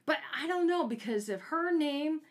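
A woman's voice: sits high, expressive, moderate pace. A woman co-hosting a casual book discussion, talking hesitantly and trailing off with fillers. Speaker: book podcast co-host.

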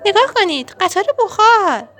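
A woman voicing a small, eager and curious girl in a children's storybook. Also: faint music behind. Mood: excited. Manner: high, excited child voice.

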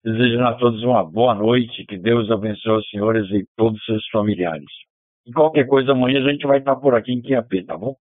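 A man's voice: mid-range voice, fairly quick, no echo. A Brazilian man hosting an amateur radio net, heard over digital voice radio, giving courteous, formal operator talk with phonetic call signs. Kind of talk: roll call and sign-off over ham radio. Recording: phone-like narrowband radio transmission.

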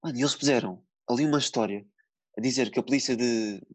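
A man's voice: mid-range voice, quick pace, no room sound. A young man with a European Portuguese accent chatting casually in slang, with frequent swearing. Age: young adult. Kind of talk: casual chat.

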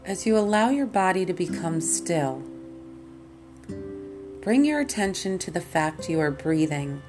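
A woman leading a guided meditation as host and teacher, in a calm, soothing, meditative manner. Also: lowish voice, unhurried. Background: plucked guitar music.

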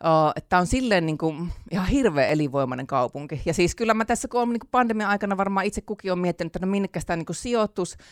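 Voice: medium pitch, lively intonation, hardly any pauses, smooth, dry recording, studio quality. Chatty laughing author speaker. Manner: chatty, many fillers, laughs often. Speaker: author and theatre teacher, interview guest. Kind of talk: casual interview chat.

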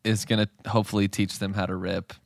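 A man's voice: lowish voice, flat delivery, fast talker, gravelly, no room sound. A man in his thirties chatting casually on a podcast, telling self-mocking stories and laughing often. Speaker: podcast host. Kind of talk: casual chat.

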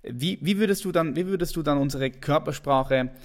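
A man's voice: a little high, normal speed. Man, interview host, casual, stumbling over words, video call.

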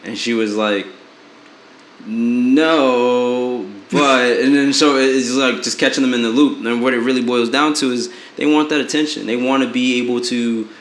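A podcast co-host in his late twenties offers blunt relationship advice in a casual chat, his mid-range voice fairly even in intonation and a little slow. He rambles, with plenty of fillers and restarts. The room is echoey, with faint background noise.

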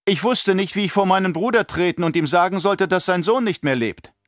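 A man voicing an eerily calm little girl who speaks in a cool, matter-of-fact way. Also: high voice, fairly quick, no echo, studio quality, voice pushed up, lightly acted.

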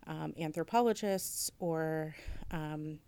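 A woman's voice: sits low, slow pace, mellow, smooth, no room sound. A woman museum curator answering interview questions, thoughtful and hesitant, with many fillers and restarts. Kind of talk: interview conversation.

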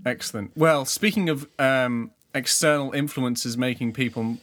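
Bright-voiced teasing British man. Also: mid-range voice, unhurried, no echo. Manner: playful, teasing banter. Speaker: podcast co-host. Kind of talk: casual chat.

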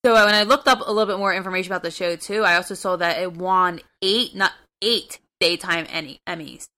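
A woman's voice: on the low side, fast talker, pushed and bright. A woman in her thirties in casual chat, agreeable and chatty. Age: 30s.

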